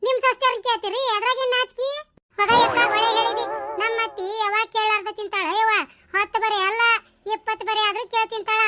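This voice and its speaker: A woman doing a squeaky, sassy young daughter-in-law. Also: little pitch movement, fast talker, sharp tone. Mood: sarcastic. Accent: North Karnataka Kannada. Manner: argumentative, sarcastic back-talk. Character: cheeky young village daughter-in-law, defiant. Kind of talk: cartoon comedy voice acting.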